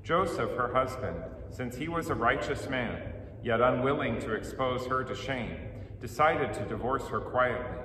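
A middle-aged man, a priest, speaking solemnly and in measured phrases at a church service, his voice carrying a cathedral-like echo. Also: mid-range voice, animated, bright, forceful tone. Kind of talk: liturgical chant, gospel reading and homily. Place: indoors in a church. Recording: echoey church hall, distant, noisy background.

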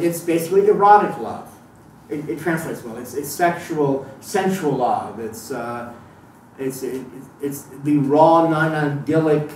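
In an echoey lecture room miked from afar with slight background noise, a man with a fairly high, darkish voice speaks on Thelema to listeners. His delivery wanders thoughtfully, full of fillers and false starts.

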